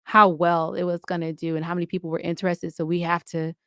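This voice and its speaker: A woman who makes audio drama podcasts appears as a guest on a podcast, chatting in a casual interview with a fairly low, clean-toned voice. She's candid and playful, telling stories quickly and animatedly with playful asides. The recording is dry, with almost no room sound and no echo.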